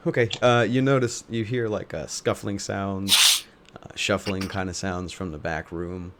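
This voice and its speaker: A man improvising narration as a tabletop game master, thinking aloud in a halting way. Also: sits low, fairly even intonation, background noise.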